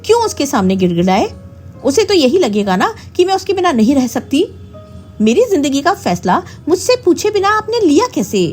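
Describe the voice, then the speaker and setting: A woman voicing a proud, stubborn young wife with a sharp, indignant way of speaking, telling a storybook tale. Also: fairly high pitch, very animated, normal speed, soft background music. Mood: angry.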